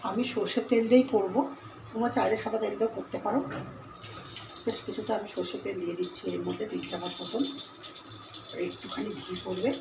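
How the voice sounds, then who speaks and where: A woman's voice: mid-range voice, fairly even intonation, fast, creaky, long pauses. A woman hosting a home cooking video, chatting through each step as she cooks in her kitchen. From Bengal. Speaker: home cooking channel host. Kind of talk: casual cooking demonstration. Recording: echoey kitchen with loud cooking noise.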